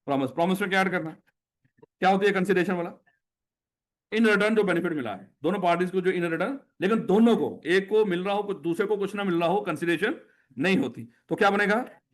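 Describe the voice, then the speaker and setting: A man's voice: high-pitched, fairly quick. Pakistani-accented male teacher lecturing a class. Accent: Pakistani Urdu. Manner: repetitive questioning, affectionate and teasing.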